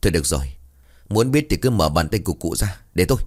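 Blunt, scoffing eldest grandson, played by a man in an audio ghost story, deep, lively delivery. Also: fast talker. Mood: dismissive. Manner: curt and dismissive.

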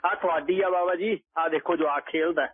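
A man's voice: fairly high pitch, fairly even intonation, brisk, slightly rough. A man voicing a village woman who pleads with a holy man for a child. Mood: pleading. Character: pleading young village mother. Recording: tinny phone-like radio line.

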